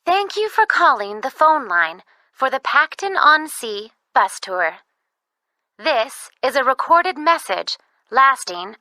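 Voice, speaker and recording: A woman playing the announcer of a recorded phone message, giving scripted tourist information in a measured way. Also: fairly high pitch, bright, forceful tone, no echo, heavily acted. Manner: measured, clearly scripted presentation. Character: woman announcer on a bus tour information line.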